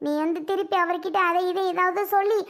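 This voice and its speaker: A woman playing an angry, commanding mother in a cartoon serial, barking orders at her daughter. The voice is very high and bright, with a harsh edge. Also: steady tone, a little fast. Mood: scolding. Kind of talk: cartoon family serial voice acting.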